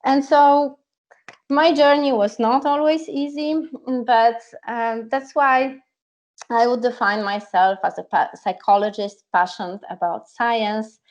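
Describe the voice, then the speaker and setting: A Polish-speaking psychologist and coach earnestly tells her own story in an online talk. Her voice is a little high with fairly even intonation and a slow pace, heard through lo-fi video call audio.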